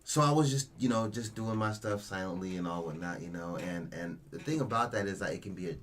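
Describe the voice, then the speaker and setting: Telling a story in casual, rambling chat, a young media creator from Cameroon guests on an interview show and keeps dropping "you know" and "right?". He speaks briskly in a low voice, with background noise present.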